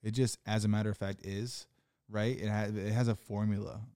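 A man's voice: lowish voice, little pitch movement, fairly quick, mellow, smooth, dry recording, studio quality. A man in his thirties chatting casually as a podcast host and comic, rambling with lots of "like" and swearing. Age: 30s. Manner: loose, rambling, swears often, says "like" a lot. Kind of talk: casual chat.

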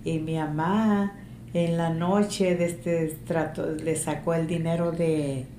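A middle-aged mother reminisces about her childhood with a strong, low-pitched voice and brings old conversations to life as she tells them. The room is echoey, with faint ambient noise underneath. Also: slow pace. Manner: animated, strong voice, acts out remembered dialogue. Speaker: interviewee, mother of the interviewer. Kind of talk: casual family storytelling.

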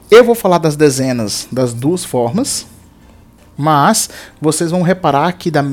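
A man with a fairly high voice gives an English lesson. He is patient and methodical, repeating each word slowly and clearly so learners can follow. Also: darkish tone. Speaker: English teacher. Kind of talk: language lesson.

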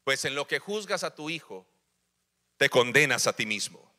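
A man's voice: mid-range voice, lively intonation, moderate pace, bright, forceful tone. A man in his forties preaching a sermon in a church, acting out little family dialogues with humor. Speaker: pastor. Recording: church hall reverb.

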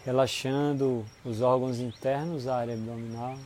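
A man with a Brazilian Portuguese accent leads a guided relaxation in a soothing, unhurried manner, leaving long pauses between short phrases. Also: medium pitch, steady tone, a little mellow, slight background noise. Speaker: guided meditation instructor. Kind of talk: guided body-scan relaxation.

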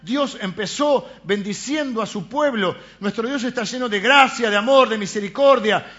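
A man preaching a sermon, asking rhetorical questions and often dropping to a quiet aside. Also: very high voice, normal speed, highs cut off.

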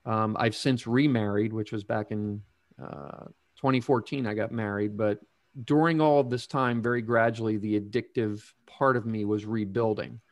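A middle-aged man telling his own story in a casual interview, slow and reflective with many ums and restarts. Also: lowish voice, steady tone, dry recording, studio quality. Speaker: guest sharing recovery story.

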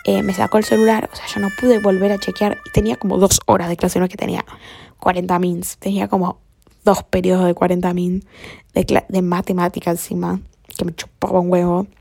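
A woman's voice: fairly low pitch, level tone, a little fast, gravelly, darkish tone. A young woman with an Argentine accent tells a story in a casual, chatty way. She swears a lot, uses plenty of slang and often drops to a whisper. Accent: Argentine Spanish.

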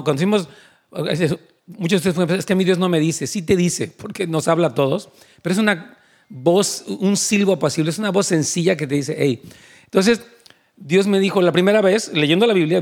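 A man's voice: on the high side, darkish tone. Earnest man preaching to young people. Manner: earnest storytelling, acts out quoted voices. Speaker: pastor. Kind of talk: youth sermon with testimony.

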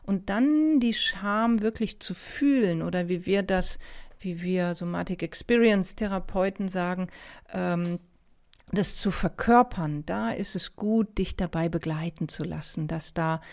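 A woman therapist speaking gently, with many pauses and restarts, asking the listener reflective questions. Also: fairly low pitch, creaky. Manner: addresses listener directly with questions. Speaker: somatic experiencing therapist. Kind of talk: reflective coaching talk.

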